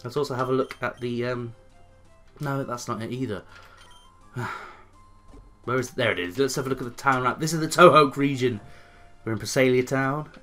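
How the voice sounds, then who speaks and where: A man's voice: mid-range voice, moderate pace, long pauses, a bit bright, faint music behind. A young man casually commenting on a game as he plays, with rambling, crude, self-mocking asides. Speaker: let's play host.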